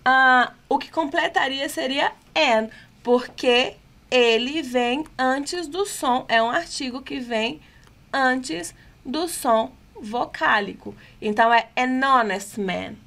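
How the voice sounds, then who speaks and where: Explaining test questions for exam prep, this Brazilian-accented woman teaches English with a high, slightly bright voice. She reads each English item with slow deliberation and keeps asking rhetorical questions.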